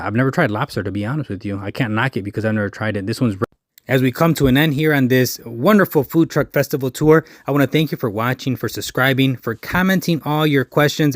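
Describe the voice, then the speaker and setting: Male vlogger, mid-pitched, dry close sound, casual walk-and-talk tour of an outdoor festival. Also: no echo. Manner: chatty, points things out as he walks. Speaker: food truck owner and vlogger. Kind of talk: casual walking tour vlog. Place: outdoor food truck festival.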